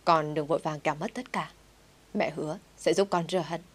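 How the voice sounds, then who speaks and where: A woman voicing a sharp-tongued, defiant middle-aged mother in an audio story. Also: sits low, steady tone, fairly quick, breathy edge. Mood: scheming. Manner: scolding, defiant.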